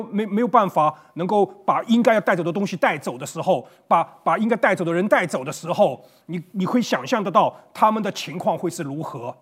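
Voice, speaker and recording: A man's voice: high-pitched, husky. A man preaching an online Sunday sermon to a camera, earnest and conversational, stumbling over words at times. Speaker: pastor. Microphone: facing a camera.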